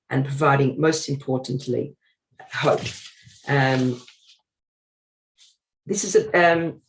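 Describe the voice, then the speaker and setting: At a synagogue, a man with a fairly high voice delivers an earnest community lecture, partly reading from notes and filling the gaps with frequent ums and uhs. His explanations are plain and steady, but hesitant, and the audio quality is poor.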